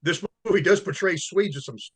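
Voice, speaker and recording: A man's voice: high-pitched, husky, no echo. Man's voice cutting out on a video call. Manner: halting, repeats words. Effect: voice dropping out on a bad video call connection. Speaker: film review panelist. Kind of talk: casual chat on a film podcast.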